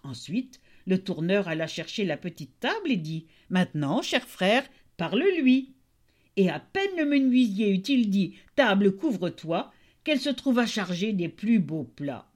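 A woman reading a fairy tale aloud in an expressive storytelling voice. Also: medium pitch, normal speed, hardly any pauses.

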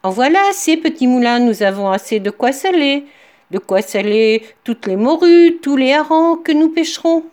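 Bossy thieving captain from a fairy tale, loud and lively; woman reader puts him on. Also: high-pitched, normal speed, voice pushed up. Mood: commanding.

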